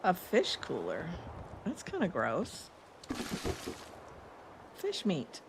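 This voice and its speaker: Woman, East Coast accent, lower voice, vocal fry, rambling streamer chat. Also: huge pitch swings, drawn-out words, noisy background. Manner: rambling, chatty, laughs often, reads chat aloud. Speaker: gaming streamer. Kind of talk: casual let's-play chat.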